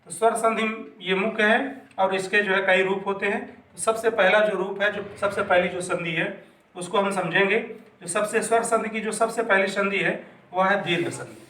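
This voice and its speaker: Man, teacher, patient explaining, high-pitched, echoey distant recording. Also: normal speed, pushed and bright. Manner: patient, repeats and asks himself questions. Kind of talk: classroom grammar lesson. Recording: echoey room, mic at a distance.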